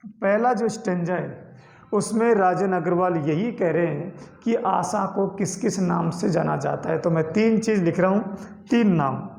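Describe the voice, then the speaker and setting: A male teacher lecturing a class on a poem, slowly repeating key terms and mixing English words into his Hindi explanations. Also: high-pitched, vocal fry, a little mellow, roomy sound. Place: classroom with a board.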